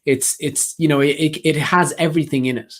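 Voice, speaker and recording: A man's voice: fairly high pitch, fairly even intonation, a little fast. A man presenting a live career-coaching session, talking earnestly and directly to job seekers with a lot of repetition. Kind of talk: motivational live session talk.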